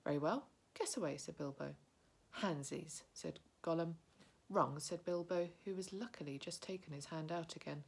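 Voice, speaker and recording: A small hobbit puts on a brisk, cheerful boldness over his nerves, his voice lifted and louder, as a woman reads him out. Husky and breathy underneath. A storybook figure in a read-aloud. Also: sits low, exaggerated voice. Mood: bold. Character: small male hobbit, nervous but trying to sound bold.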